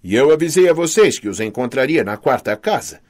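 A man with a Brazilian Portuguese accent voicing a short, stocky male dwarf god in an audiobook, curt and a bit louder than the narration. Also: mid-range voice, animated, a little fast, natural voice. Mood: brisk. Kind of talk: audiobook character voice.

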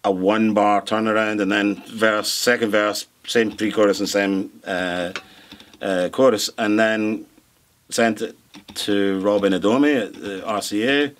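In a relaxed interview, a middle-aged producer and songwriter talks in a rambling way, full of fillers and restarts. He speaks unhurriedly in a lowish voice with fairly even intonation.

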